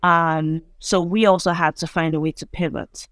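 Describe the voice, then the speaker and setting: A woman from Nigeria, a guest on a video call, telling her story in a relaxed, chatty way. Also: lowish voice, normal speed, dry recording, studio quality. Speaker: guest entrepreneur. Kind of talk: casual interview.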